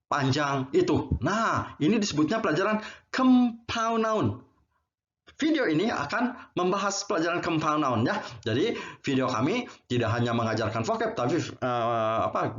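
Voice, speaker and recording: A man's voice: on the high side, fairly bright tone, dull audio. A man teaching an English vocabulary lesson. He reads word pairs, drills them and explains in a patient, chatty way. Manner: repeats words and explains, adds "ya" to phrases.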